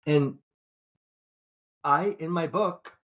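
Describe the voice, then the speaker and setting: He's a podcast co-host with a fairly high, fairly bright voice who draws out his words. The chat is casual, meandering and sprinkled with swearing, and he often starts sentences over.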